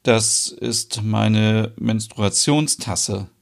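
A man voicing a calm, explaining young woman. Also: lowish voice, drawn-out words, vocal fry, full character voice. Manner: patient, explaining. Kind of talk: storybook reading.

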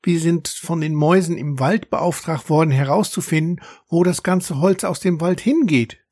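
A man's voice: fairly high pitch, normal speed, darkish tone, no echo, clean studio sound, lightly acted. A man doing a shy, polite lady mouse.

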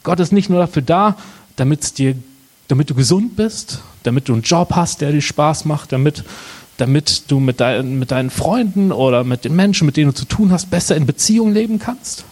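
A young adult man preaching a sermon, with dramatic pauses and slow, emphatic phrasing. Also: fairly high pitch, lively intonation, a little mellow. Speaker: pastor.

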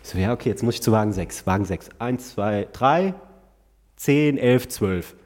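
A man's voice: on the low side, normal speed, in a large hall. Exasperated man telling a funny story. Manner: animated, exasperated, with frequent laughter. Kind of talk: comic anecdote telling.

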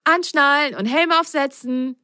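A woman voicing a young male sock who is eager and excitable in a children's storybook reading. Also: sits high, normal speed, no echo, clean studio sound, pitched above the performer's own voice. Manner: excited, bubbly.

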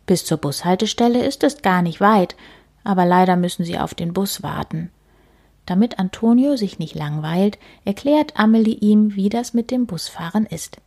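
A woman gently narrating a children's storybook, often near a whisper. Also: medium pitch, normal speed, husky.

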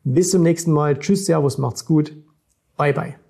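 A man's voice: a little high, measured pace, gravelly, mellow, breathy edge. A middle-aged man, a finance coach, talking casually to camera and keeps checking in with the viewer. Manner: direct, keeps addressing the viewer with "ne?" and "So.". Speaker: finance and stock-market coach.

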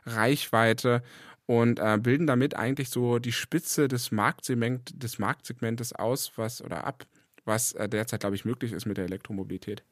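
A man's voice: mid-range voice, steady tone, moderate pace, no echo, clean studio sound. A man co-hosting a casual podcast chat, conversational and playfully teasing. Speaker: podcast co-host.

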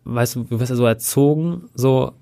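A man's voice: medium pitch, normal speed, gravelly, warm tone. Young man telling stories in casual slang. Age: 20s. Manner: slangy, rambling storytelling with many fillers. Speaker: podcast guest. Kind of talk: casual podcast chat.

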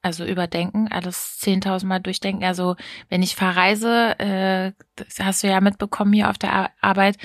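A woman's voice: medium pitch, dry recording. Firm, opinionated woman in dry close sound. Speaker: podcast co-host. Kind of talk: casual chat.

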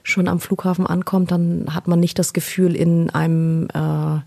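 Interviewee, woman in her thirties, gravelly husky low voice, earnest and hesitant. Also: level tone, moderate pace, warm tone. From Germany. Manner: earnest, with frequent hesitations and repeated words. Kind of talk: personal interview.

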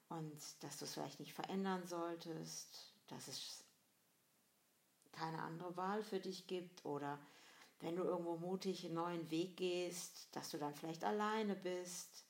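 Low-voiced woman giving a motivational talk. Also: darkish tone. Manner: reflective, asks the listener direct rhetorical questions; conversational, with frequent fillers. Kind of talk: motivational monologue. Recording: roomy echo.

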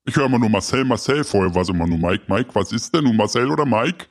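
A man's voice: lowish voice, lively intonation. A man doing a smarmy pompous teacher. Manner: pompous, slow and smug. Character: smarmy, pompous male schoolteacher.

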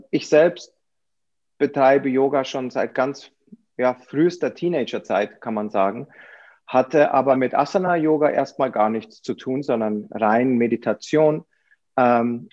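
Male interview guest, relaxed and self-mocking, recorded with a dull lo-fi sound. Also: medium pitch, a little slow. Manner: self-mocking, laughs easily. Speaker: podcast guest. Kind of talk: casual interview talk.

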